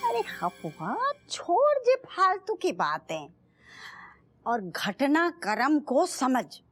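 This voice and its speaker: Sitcom matriarch, older, bossy and superstitious, high sing-song voice. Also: female voice, huge pitch swings, drawn-out words, soft background music, exaggerated voice. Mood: coaxing. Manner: scolding, folksy dialect drawl. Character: bossy old mother, scolding and superstitious. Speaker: sitcom character. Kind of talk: TV sitcom acting.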